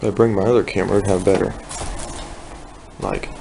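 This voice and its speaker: A man exploring an abandoned house, filming and muttering wary, hushed remarks into a handheld camera. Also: deep voice, level tone, a little fast, gravelly. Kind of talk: casual handheld exploring commentary. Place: dark abandoned house indoors. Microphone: handheld camera mic. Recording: noisy handheld camera audio.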